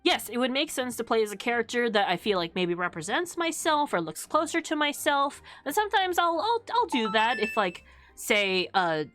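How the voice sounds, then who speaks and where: A woman's voice: medium pitch, fairly bright tone. Playful woman streamer with music behind. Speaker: VTuber streamer. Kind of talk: casual livestream chat with viewers.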